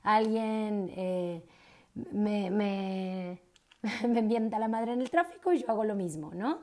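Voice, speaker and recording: A woman's voice: mid-range voice, slow, darkish tone. A middle-aged woman, a coach hosting a reflective solo talk, asking many rhetorical questions. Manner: conversational, asks many rhetorical questions, tag "¿no?". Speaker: podcast host and coach.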